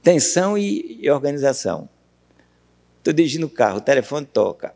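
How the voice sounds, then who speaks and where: A man with a Brazilian Portuguese accent giving a university lecture on poetry, questioning the audience and reciting verse slowly. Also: mid-range voice, big pitch swings, gravelly, darkish tone. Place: university auditorium. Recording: long hall reverb.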